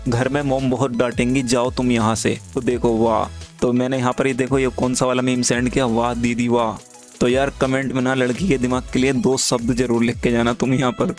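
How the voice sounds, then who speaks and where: A man hosting his channel, walking through a screen-recorded chat and reading the messages aloud in a steady, even way. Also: medium pitch, fairly quick. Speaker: channel host. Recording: faint background music.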